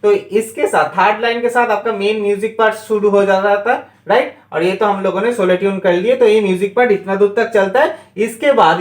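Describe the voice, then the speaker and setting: A man's voice: sits high, roomy sound. A man teaching a harmonica lesson, reading out note names one by one and often checking that the learner follows. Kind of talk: step-by-step music lesson.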